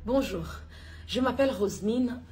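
A worried middle-aged mother from Congo, filmed at home on a phone, recounting events in a halting way with many restarts. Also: fairly high pitch, a little mellow. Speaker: worried mother making an appeal. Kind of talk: personal appeal video. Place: home interior, indoors. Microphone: phone at arm's length.

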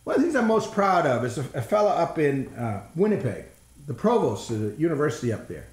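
A man giving an energetic, blunt, folksy presentation on innovation, sometimes swearing for emphasis. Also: fairly high pitch, quick pace, echoey room. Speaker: innovation trainer.

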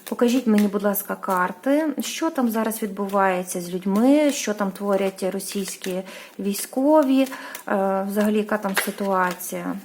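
A woman's voice: mid-range voice, moderate pace, darkish tone, slight background noise. A woman from Ukraine giving a casual tarot reading, hesitant, with many fillers and restarts, apologizing for how she says place names. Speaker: tarot reader.

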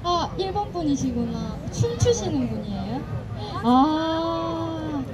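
A woman's voice: high voice, expressive, slow, dull audio. A woman hosting a street show, chatting politely and coaxing the audience to join in as she announces. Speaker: host of a street dance busking show. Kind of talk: live crowd-work announcing. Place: outdoor busking spot. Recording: outdoor street with crowd and traffic noise.

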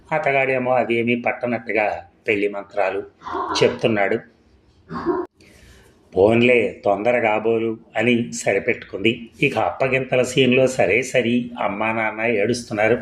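A man narrating a short story in a measured, expressive storytelling manner. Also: lowish voice.

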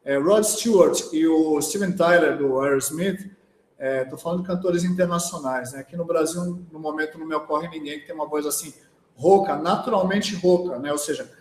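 A man's voice: fairly high pitch, moderate pace, darkish tone, roomy sound, a little hiss or hum. A man with a Brazilian Portuguese accent who teaches singing, giving a chatty live talk full of "né?" tags. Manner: chatty, often tags sentences with "né?". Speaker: voice teacher and singer.

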